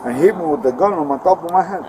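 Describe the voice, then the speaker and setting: A man's voice: on the high side, very fast. Agitated man, repeats himself, police bodycam audio, traffic noise outdoors. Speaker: assault victim. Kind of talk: talking to police. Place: outdoors by a road. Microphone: police body camera.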